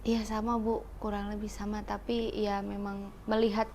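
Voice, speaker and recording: A woman's voice: medium pitch, flat delivery, normal speed, a little mellow, slight background noise. A woman guest in an interview, earnestly telling her story and repeating words for emphasis. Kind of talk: testimony in an interview.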